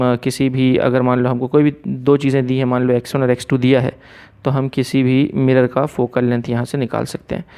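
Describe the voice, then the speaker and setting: Mellow-voiced physics teacher. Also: male voice, mid-range voice, smooth. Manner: explains slowly, repeats terms, checks in with "ठीक है"; mixes Hindi with English technical terms. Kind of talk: recorded physics lecture.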